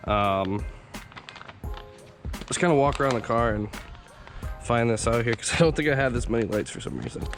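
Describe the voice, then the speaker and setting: A car vlogger, hoarse and raspy from just waking up, casually talks through a car install on a handheld camera, rambling with plenty of fillers in a relaxed way. His mid-range voice moves at a moderate pace with long pauses. Faint music plays behind him.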